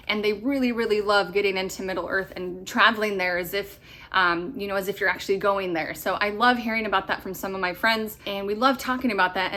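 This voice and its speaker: A woman in her thirties, a homeschool vlogger, chats to camera with upbeat, casual advice and frequent laughter. Her voice is on the high side, pushed and bright.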